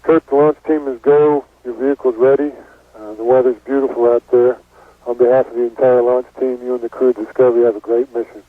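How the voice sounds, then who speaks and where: On a tinny radio channel, a man acting as launch director talks fast through a procedural message. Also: mid-range voice, flat delivery, dry recording. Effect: radio transmission.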